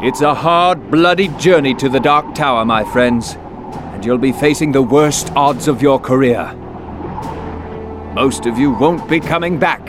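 A man's voice: medium pitch, unhurried, background noise, close to an everyday voice. A man playing a young, sardonic, reluctant prince in an audio drama, with a wry, understated manner. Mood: grim.

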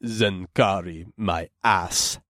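An actor playing a large, disapproving orc bartender with a gruff, hissing voice, slow and stern. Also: male voice, low-pitched, bright, forceful tone, dry recording, clean studio sound, pitched below the performer's own voice, full character voice.

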